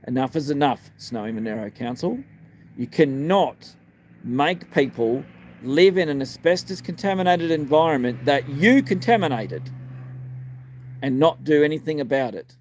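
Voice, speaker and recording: Answering viewers' political questions live, this fifties-aged Australian stream host and community advocate speaks in short, blunt, emphatic bursts full of swearing. He has a missing front tooth and a medium-pitched, darkish voice, with a little hiss or hum in the recording.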